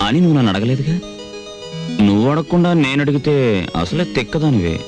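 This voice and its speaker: Actor as a jumpy young guy, voice bouncing all over, fast teasing replies, film music behind. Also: mid-range voice, natural voice. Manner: excitable, teasing, playful dodging. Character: excitable, teasing young man. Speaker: young hero. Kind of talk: Telugu film melodrama.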